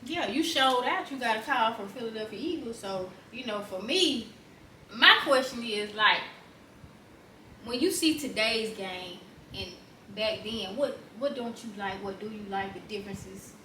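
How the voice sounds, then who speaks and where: A woman with an Alabama Southern accent runs a casual interview, tossing in encouraging affirmations. Her voice is bright and punchy, picked up at some distance in an echoey space with faint noise. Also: a little high, measured pace. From Montgomery, Alabama, USA. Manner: informal, encouraging, frequent affirmations. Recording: roomy echo, distant mic, faint noise.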